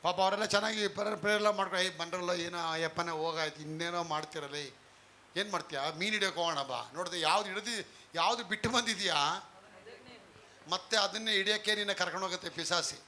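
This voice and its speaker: A man's voice: sits high, steady tone, fast, sharp tone, a little hiss or hum. A male pastor preaching a live sermon, emphatic, often asking the congregation questions.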